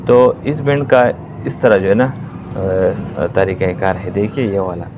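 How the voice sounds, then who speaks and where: A man's voice: low voice, a little slow, highs cut off, background noise. A man with a Pakistani Urdu accent giving a hands-on repair tutorial, explaining each step and repeating key words as he works. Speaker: repair technician.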